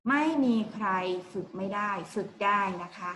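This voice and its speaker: A woman teaching English to young children in an online class, talking slowly and repeating words for them to copy. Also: medium pitch, bright, forceful tone, roomy sound, a little hiss or hum, rough recording. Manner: slow, patient, repeats words for kids to copy. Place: home room over a video call. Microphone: video call mic.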